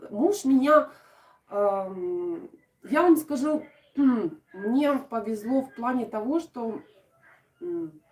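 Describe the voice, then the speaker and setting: On a craft live stream, a woman from Odesa chats casually in Russian with a southern Ukrainian accent, softening her g and saying "sho." Her fairly high voice is chatty and warm toward viewers as she answers their comments with frequent laughs and lots of fillers. The distant mic gives a roomy sound.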